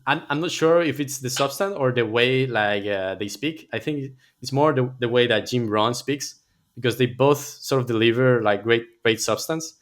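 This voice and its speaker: Guy, guest on a podcast, keeps restarting his words, mid pitch. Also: normal speed. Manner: hesitant, many fillers and repeated words. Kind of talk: casual interview chat.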